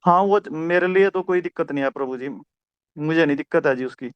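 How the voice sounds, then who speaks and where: A man's voice: fairly high pitch, fairly quick, clear, resonant tone, dry recording, lo-fi sound. A man with an Indian accent, a devotee replying in a deferential, agreeable manner.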